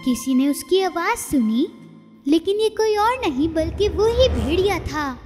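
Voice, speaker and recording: A woman narrating a storybook cartoon in an expressive, storytelling way. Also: very high-pitched, unhurried. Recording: reverberant, with music underneath.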